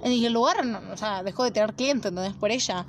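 A young woman with a Rioplatense accent, co-hosting a casual podcast, talking in a rapid, slangy, emphatic way. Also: on the high side. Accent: Rioplatense Spanish. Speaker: podcast co-host. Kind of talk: casual chat. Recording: faint ambient noise, birds outside.

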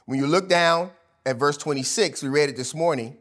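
Male pastor, high voice, emphatic sermon delivery with loud peaks and hushed drops, casual fillers. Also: normal speed. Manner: preachy, emphatic, rising to loud peaks and dropping to near-whispers; casual speech with fillers and self-corrections.

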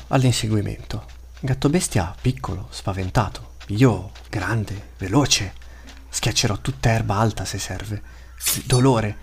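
A man's voice: fairly low pitch, a little hiss or hum. A man voicing the inner thoughts of a huge, hungry male beast that talks in short, broken phrases. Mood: eager, then pained. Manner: terse broken inner monologue.

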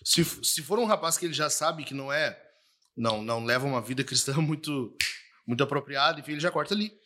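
A man's voice: mid-range voice, fast, bright, forceful tone. A man, a pastor on a podcast, earnest and affirming as he states his points firmly. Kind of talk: casual podcast chat.

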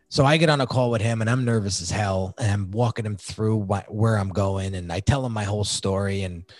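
A man talking as a podcast guest, telling his own story in an animated, excitable way. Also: on the low side, dry recording, clean studio sound. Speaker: podcast guest, design agency founder. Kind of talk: casual storytelling interview.

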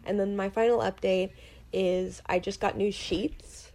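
A woman's voice: medium pitch, fairly even intonation, measured pace, darkish tone. A woman in her twenties co-hosting a podcast in casual chat, telling stories in a rambling, self-deprecating way. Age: 20s. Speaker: podcast co-host.

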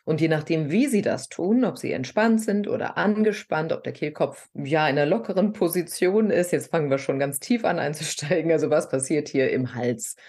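A woman with a notably low, grounded speaking voice talks as a guest on a podcast. She is a middle-aged voice coach from southern Hesse who explains things in an animated, teacherly way. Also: normal speed, few pauses, slightly rough. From southern Hesse, Germany. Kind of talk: podcast interview conversation.

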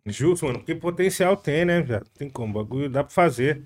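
Rapid-fire slangy male interviewer. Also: a little high, animated. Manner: informal, slangy questioning. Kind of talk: casual slangy chat.

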